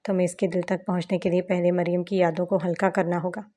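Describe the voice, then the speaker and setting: A woman reading an audiobook novel, voicing a serious, gentle young man who gives calm advice. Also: on the low side, fast talker, natural voice. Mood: consoling. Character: calm, wise young man comforting a friend.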